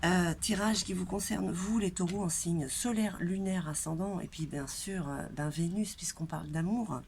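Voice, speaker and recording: A woman's voice: lowish voice, moderate pace, vocal fry, darkish tone. A woman with a nasal, congested voice and a blocked throat, giving a casual, chatty tarot reading straight to viewers in a hesitant manner. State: congested throat, coughing and throat-clearing. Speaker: tarot reader and channel host. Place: outdoors in a light wind. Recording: noisy outdoor recording with wind.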